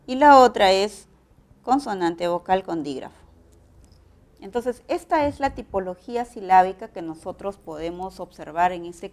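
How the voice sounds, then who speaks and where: A woman with a Peruvian accent teaching a pre-university class, explaining each step in a measured way. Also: medium pitch, a little mellow. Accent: Peruvian Spanish. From Peru. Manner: measured, explanatory, spells out syllable patterns.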